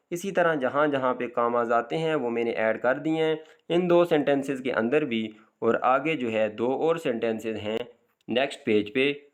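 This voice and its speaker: A man explaining an English grammar lesson, slow and careful, reading example sentences deliberately and correcting himself as he goes. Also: mid-range voice. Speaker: teacher.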